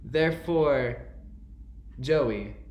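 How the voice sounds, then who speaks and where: Male podcast co-host, playful needler, animated and mock-indignant, roomy sound. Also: medium pitch, very slow, slight background noise. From New York. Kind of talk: casual podcast banter. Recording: roomy echo.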